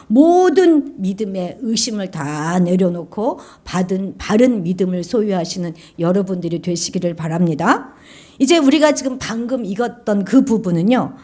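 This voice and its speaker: A woman pastor preaching a sermon in a church, animated and often asking the congregation questions. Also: medium pitch. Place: church sanctuary.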